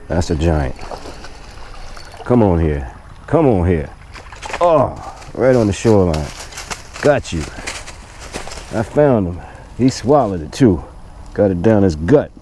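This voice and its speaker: A man filming himself fishing from a lakeshore with a head-mounted camera, talking excitedly to the fish as he reels them in. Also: sits low, slight background noise. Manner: talks to the fish while reeling. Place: outdoors on a lakeshore. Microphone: head-mounted action camera.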